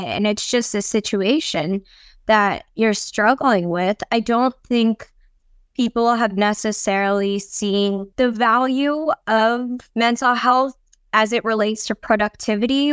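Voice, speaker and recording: A woman speaking as a podcast guest in casual chat, earnest and encouraging in a measured way. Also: medium pitch, smooth, no room sound.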